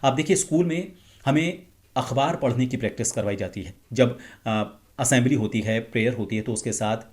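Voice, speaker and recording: A middle-aged man teaching as a speech coach. He explains calmly and now and then acts out short example lines in a raised tone. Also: mid-range voice, moderate pace. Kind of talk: explanatory talk to camera.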